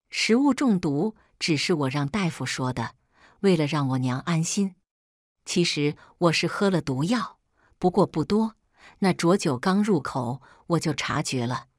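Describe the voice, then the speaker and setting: Low-voiced woman narrating a story. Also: a little mellow, no echo, studio quality. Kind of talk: scripted first-person story narration.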